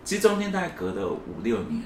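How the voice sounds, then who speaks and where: A man's voice: mid-range voice, huge pitch swings, fast talker, darkish tone. A man, co-hosting a casual podcast chat and telling a story while acting out the quoted lines. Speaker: podcast co-host. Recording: echoey room, faint hiss.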